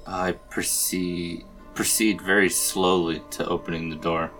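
A man's voice: low voice, level tone, a little slow, fairly bright tone, faint music behind. A man playing a tabletop role-playing game, answering the game master in plain, matter-of-fact replies. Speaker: player. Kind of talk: casual play at a tabletop game.

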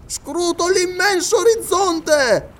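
A man voicing an excitable, absent-minded male scholar with shrill, eager exclamations, in a storybook reading. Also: takes it slowly, full character voice.

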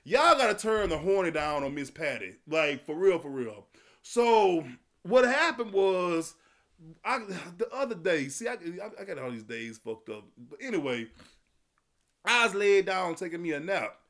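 High, bright-voiced man ranting profanely. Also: big pitch swings, measured pace. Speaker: podcast host. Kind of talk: solo commentary rant.

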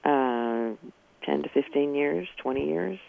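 Male caller, polite and hesitant, gravelly voice, tinny phone line, dry. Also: a little high, slow pace. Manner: hesitant, polite, lots of fillers. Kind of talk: phone-in question.

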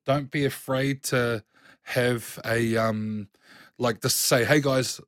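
A man chatting casually as a game master co-host, animated and emphatic, swearing freely. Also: medium pitch, slow pace, no echo, studio quality. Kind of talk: casual chat.

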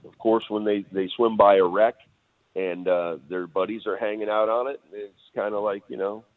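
A man rambles through a phone-in chat on a radio show, stopping and restarting with plenty of fillers. His voice sits on the low side. It comes through thin and tinny, like a phone call. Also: steady tone, dry recording. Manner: rambling, halting with many fillers. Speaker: phone-in guest.

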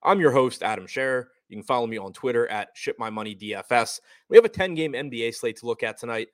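A man's voice: medium pitch, animated, quick pace, no echo, clean studio sound. A man hosting a fantasy basketball show, counting down ranked picks and reciting figures in commentary style.

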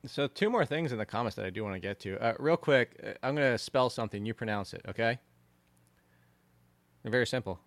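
A man hosting a podcast in casual chat, animated and teasing, insisting on his points. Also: medium pitch, a little fast, no room sound. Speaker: podcast host.

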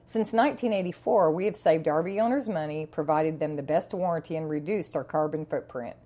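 A woman reads a scripted advertisement at an even, steady pace. Her voice sits on the low side and sounds mellow and warm. Every word comes out clear. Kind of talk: scripted ad read.

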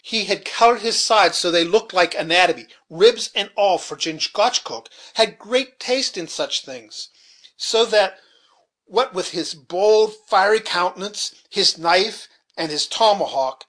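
A man's voice: sits high, expressive, takes it slowly, pushed and bright, full character voice. A man voicing a garrulous old frontier hunter who rambles through memories in a folksy rustic dialect, in an audiobook reading. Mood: reminiscing.

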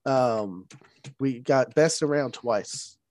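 A man's voice: medium pitch, slow, a little mellow, no echo, clean studio sound. A man with a nasal voice, stuffed up from allergies, chatting casually on a livestream. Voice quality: nasal, congested. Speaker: radio hobby streamer.

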